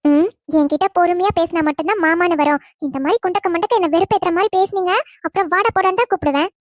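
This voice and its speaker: A woman's voice: extremely high pitch, fast, no echo, clean studio sound. A woman voicing a feisty, sassy college girl. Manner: sassy and bold, turns tearful when hurt. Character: feisty college girl, sporty and quick-tempered. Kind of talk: cartoon voice acting.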